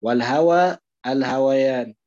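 Mellow-voiced Egyptian man teaching. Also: mid-range voice, normal speed, no room sound, muffled recording. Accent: Egyptian Arabic. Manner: asks questions and answers them himself. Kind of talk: explaining a lesson.

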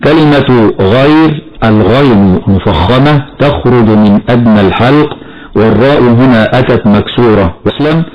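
A man teaching Quran recitation rules in a measured, explanatory way, chanting short verses slowly as examples. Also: medium pitch. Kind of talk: tajweed lesson with slow recited examples. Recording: dull lo-fi broadcast audio.

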